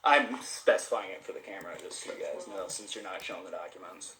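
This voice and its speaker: A man's voice: low-pitched, fast talker, crowd noise. Assertive man, distant echoey dictaphone recording. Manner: assertive, questioning, contesting details. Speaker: complainant being interviewed. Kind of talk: recorded interview exchange. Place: indoor room.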